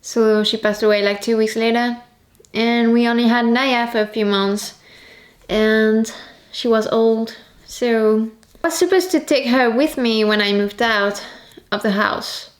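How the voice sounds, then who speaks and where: A woman's voice: on the high side, fairly even intonation, a little slow. A young adult woman, chatting casually as a vlogger. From Switzerland. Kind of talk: casual vlog chat.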